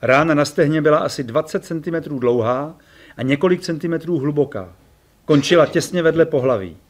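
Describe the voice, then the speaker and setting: A man reading his own adventure story aloud to a live audience, with lively dramatic emphasis. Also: fairly high pitch.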